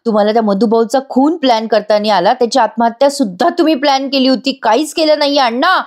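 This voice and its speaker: A woman voicing a desperate young woman in jail, crying out in a high pleading voice. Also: quick pace, close to an everyday voice. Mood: despairing. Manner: shrill pleading cries.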